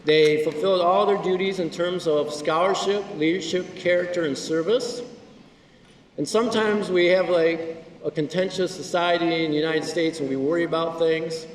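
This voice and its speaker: A man giving a ceremony speech as honor society advisor, slowly reading out students' names. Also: fairly high pitch, steady tone. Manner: slow, reading out a list of names. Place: large school gymnasium. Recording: echoey gym from far off, crowd noise. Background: crowd murmur.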